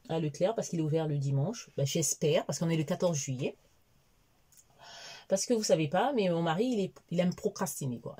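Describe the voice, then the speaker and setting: A woman in her forties rambling through a casual, confiding diary vlog, full of fillers and asides. Her voice is husky and sits on the low side. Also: dark tone. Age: 40s. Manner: chatty, rambling, with many fillers. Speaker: vlogger.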